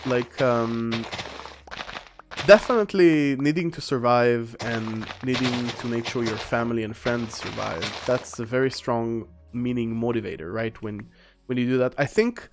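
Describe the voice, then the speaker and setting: A man's voice: mid-range voice, measured pace, background noise. Rambling man streaming a video game. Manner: rambling, reads chat aloud. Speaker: gaming streamer. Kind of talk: casual livestream commentary. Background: faint background music.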